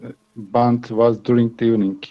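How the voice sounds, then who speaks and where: A man's voice: medium pitch, little pitch movement, moderate pace, muffled recording. A man reading his part of a classroom dialogue hesitantly.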